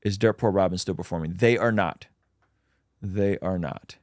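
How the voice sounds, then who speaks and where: A native Russian-speaking man with a deep voice hosts a casual livestream at normal speed, reading chat questions aloud and answering them with lots of ums. The sound is dry and studio-clean.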